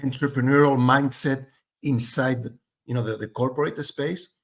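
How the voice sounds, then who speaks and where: Speaking at a normal speed in a steady, mid-range voice, a middle-aged man from Spain is a guest in a relaxed interview. He's thoughtful, frequently using fillers and starting his sentences over.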